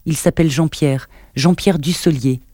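A male reader putting on a woman in her mid-thirties, sharp and quick to anger yet fond underneath. The voice sits higher than his own but stays warm and mellow. Recorded dry and close, like a storybook read in a booth. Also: no echo, lightly acted. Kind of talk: audiobook narration.

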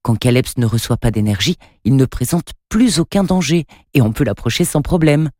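A man voicing a calm, reassuring professor in a storybook. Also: medium pitch, moderate pace, dry recording, studio quality, close to an everyday voice. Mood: explaining. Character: kindly older male professor, calm.

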